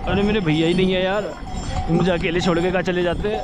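A man's voice: sits high, fairly even intonation, fast, over music. A young man chatting casually as he vlogs on a mountain trek on horseback, often breaking into exclamations. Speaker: vlogger. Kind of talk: casual travel vlog narration.

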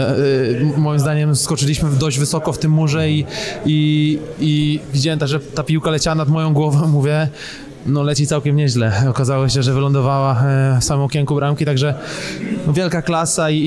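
Halting young man, flat voice. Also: fairly high pitch, a crowd in the background. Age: young adult. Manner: halting, many fillers and restarts. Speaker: footballer. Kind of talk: post-match interview. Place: stadium mixed zone by a sponsor wall. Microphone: handheld broadcast mic.

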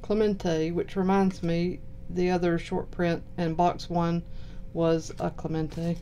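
Southern US woman, mellow tone, low-key mumbling, casual unboxing commentary, some background noise. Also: flat delivery, takes it slowly. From southern United States. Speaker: card box-break host. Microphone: purchased microphone.

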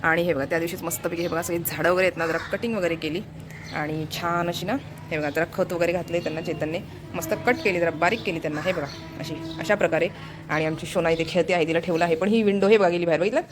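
A woman's voice: on the low side, steady tone, fast talker. A woman vlogger with a Marathi accent chatting casually through her home routine, often pointing things out to viewers. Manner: chatty, repeats "look here" while showing things. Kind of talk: casual home vlog narration. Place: home, kitchen and window.

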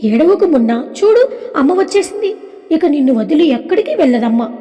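A woman's voice: sits high, very animated, fairly quick, mellow, big-room sound, highs cut off. A woman doing a tearful, insistent young wife. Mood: tender. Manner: pleading, indignant.

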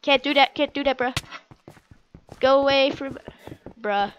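A young woman with a high, stuffy, sick-sounding voice speaks a little slowly while casually commentating on her game, cheering and groaning at the action. She's a gaming video creator, and the audio is dull with background noise.

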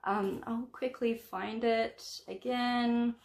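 A woman's voice: on the high side, fairly even intonation, slow, creaky, a little mellow. A woman chatting about a book she read, rambling and often correcting herself. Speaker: book vlogger. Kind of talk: casual book review. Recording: echoey room.

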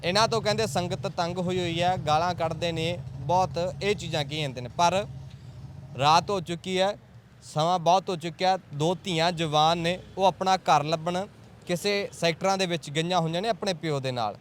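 A man's voice: sits high, normal speed. A man reporting from a street at night for a news channel, earnest and emotive, asking rhetorical questions before interviewing people. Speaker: field reporter. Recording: faint traffic noise outdoors.

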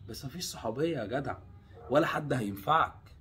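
A young man with an Egyptian Arabic accent gives an earnest, pleading warning to his viewers, jumping from loud urging to low hushed lines. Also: lively intonation, a little fast, slightly rough. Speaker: vlogger. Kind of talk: personal warning monologue.

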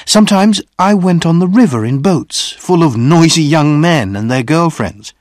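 A man narrating a graded-reader story in a deliberate, expressive storytelling manner, close to the mic. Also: on the high side, no echo.

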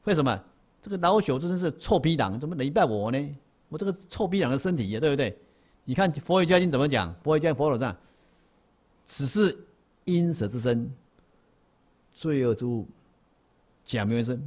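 A Buddhist monk gives a dharma lecture to a class, repeating key phrases and asking rhetorical questions. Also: male voice, mid-range voice, sing-song, normal speed, a little mellow. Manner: repetitive and emphatic, poses rhetorical questions, often restarts. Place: lecture hall.

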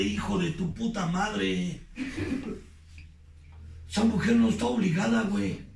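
A man with a Mexican Spanish accent giving an impassioned, profane testimony at a recovery group meeting, often shouting. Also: high voice, creaky, reverberant, far from the mic.

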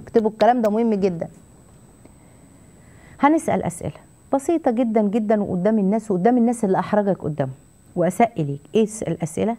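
Fast-talking emphatic Egyptian woman counselor. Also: medium pitch, mellow. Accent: Egyptian Arabic. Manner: emphatic, repeats phrases, acts out sample replies. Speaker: TV host and family counselor. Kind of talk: advice talk to an audience.

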